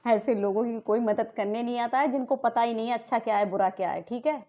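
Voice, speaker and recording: Indignant high-voiced woman ranting. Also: quick pace, dark tone. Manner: indignant, accusing, repeated rhetorical questions. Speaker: vlogger. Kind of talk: angry family-dispute rant to camera.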